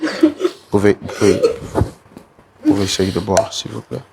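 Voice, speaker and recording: A man hosting a talk show, trying to calm a distressed guest and repeating the same pleas over and over. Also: fairly low pitch, measured pace, creaky, heavy background noise. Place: TV studio set.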